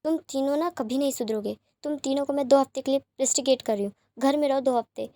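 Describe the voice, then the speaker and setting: Brief: woman reading a strict principal, firm, brisk. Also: high voice, dark tone, dry recording. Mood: scolding. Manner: scolding, firm. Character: stern woman school principal.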